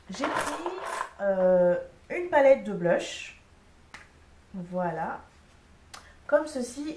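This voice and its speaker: A woman's voice: medium pitch, darkish tone, far from the mic, a little hiss or hum. A young woman casually reviewing makeup products, chatty and frank, with lots of fillers. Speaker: beauty vlogger. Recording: echoey room, a bit off-mic.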